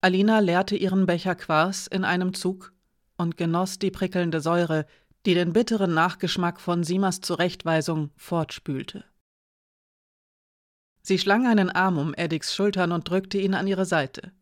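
An audiobook narrator reading a fantasy novel in a steady, clear storytelling voice of middling pitch. The recording is close and dry, with no room sound. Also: a little slow, dry recording. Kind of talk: scripted narration.

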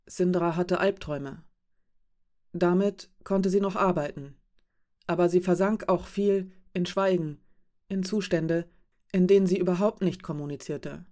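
A woman narrating a novel as an audiobook. Her voice sits somewhat low, and she reads in a calm, measured way.

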